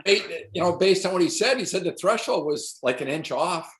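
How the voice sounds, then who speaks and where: A man's voice: high-pitched, animated, moderate pace, fairly bright tone, roomy sound. A man in the shower door trade, chatting emphatically and repeating himself for effect. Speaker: shower door installer on a panel. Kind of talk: casual shop talk.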